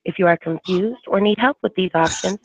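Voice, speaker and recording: A woman's voice: medium pitch, fairly quick, very noisy. A woman's recorded phone menu message, giving polite automated prompts over a phone line.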